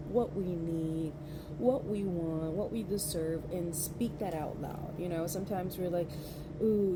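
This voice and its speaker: Woman giving a casual card reading, noisy background. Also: lowish voice. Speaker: card reader hosting an intimate oracle reading. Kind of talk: casual spiritual card reading, talking to viewers.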